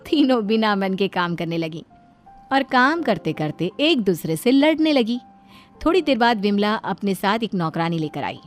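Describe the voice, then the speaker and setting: A woman's voice: medium pitch, very animated, moderate pace, soft background music. Woman narrating a cartoon story.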